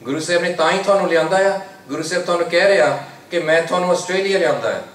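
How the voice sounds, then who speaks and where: Man, Sikh preacher, exhorting lecture, raised pitch, distant mic, echoey room, faint hiss. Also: very fast. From United Kingdom. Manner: exhorting, repeats slogans in English between Punjabi. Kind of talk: religious lecture to a congregation.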